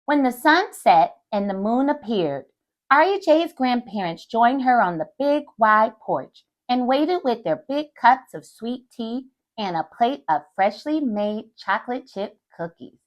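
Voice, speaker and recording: An animated woman reads a children's storybook aloud, speaking straight to her young audience. Her voice sits high and moves through a wide, lively pitch range. She sounds warm and expressive, like a children's storyteller. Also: a little slow, highs cut off. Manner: animated, talks to young listeners.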